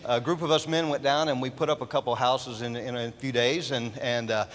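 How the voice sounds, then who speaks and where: A middle-aged man speaking to the congregation from a large church stage, halting with many fillers. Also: medium pitch, fairly even intonation, slight background noise. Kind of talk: church testimony. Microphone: handheld mic. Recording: long reverb of a large church.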